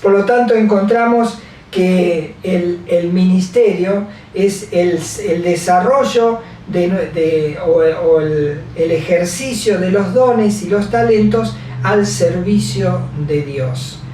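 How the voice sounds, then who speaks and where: A woman delivers a sermon in a halting way. She repeats chapter and verse and leans on fillers. Her voice rings through a very reverberant church hall, picked up from far off. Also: lowish voice, mellow, a little hiss or hum. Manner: halting, repeats scripture references, many fillers. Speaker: preacher. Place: large echoey church hall.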